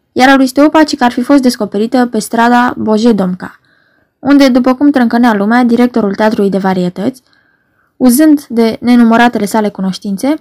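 Woman narrating a novel, higher voice. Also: darkish tone. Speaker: audiobook narrator. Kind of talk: literary audiobook narration.

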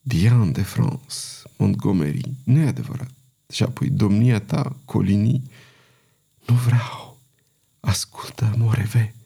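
A man voicing a feeble, dying old queen in an audiobook, speaking slowly in a wheezing, barely audible rasp. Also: mid-range voice, lively intonation, warm tone, close to an everyday voice. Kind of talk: audiobook character reading.

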